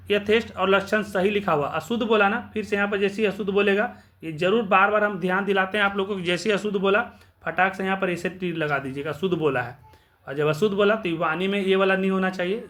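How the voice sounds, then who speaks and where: A man's voice: sits high, sharp tone, slight background noise. A man teaching exam questions, asking and answering his own questions and repeating key points.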